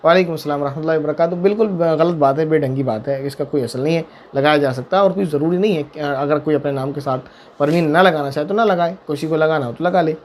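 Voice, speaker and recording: A man serving as mufti talks through viewers' religious questions in quick, rushing speech. His voice sits a little high, and he drives points home with repetition and pointed rhetorical questions. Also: a little hiss or hum. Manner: emphatic, repeats points, asks rhetorical questions. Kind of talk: religious Q&A talk.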